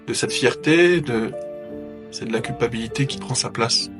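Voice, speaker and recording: A man with a mid-pitched voice hosts a therapeutic interview. He probes gently and mirrors back what he hears, with soft music underneath. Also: normal speed. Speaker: host counselling a guest.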